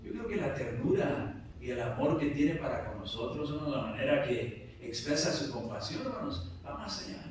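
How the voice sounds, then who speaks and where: A man's voice: mid-range voice, very animated, normal speed, few pauses, a little hiss or hum. A pastor preaching a sermon to his congregation, building to emphatic peaks and repeating "brothers" again and again. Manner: preaching with rising emphasis, repeating "hermanos" often. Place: church sanctuary. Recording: very echoey church hall from a distance.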